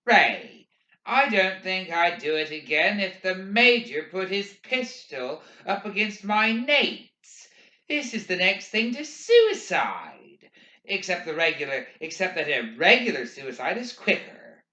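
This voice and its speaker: A man's voice: high-pitched, very animated, takes it slowly, bright, forceful tone, pitched above the performer's own voice, exaggerated voice. A man voicing an earnest, worried teenage boy who speaks urgently and pleadingly. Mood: grim. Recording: roomy, dull lo-fi recording.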